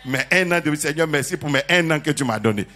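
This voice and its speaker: A man delivers a sermon as bishop in a fast, fairly high voice, urging the congregation to say amen. His animated preaching mixes teasing jokes with call-and-response and climbs into loud prophetic proclamations.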